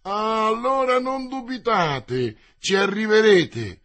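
A man's voice: high-pitched, slow pace, a bit bright, voice pushed up. A man voicing a mocking, commanding noble male swordsman in an audiobook, with a vibrant, scornful delivery.

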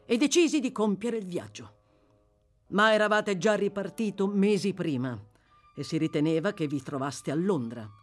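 Stern elderly gentleman, voiced by a woman reader; deliberate, accusing, expressive intonation. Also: deep voice. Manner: measured, accusing, firmly deliberate.

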